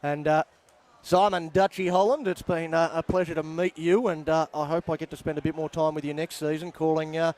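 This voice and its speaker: A man with an Australian accent calling a football game outdoors, measured and wry, with plenty of pauses. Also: fairly high pitch, flat delivery, darkish tone. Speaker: play-by-play commentator. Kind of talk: sports commentary wrap-up. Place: outdoor sports ground.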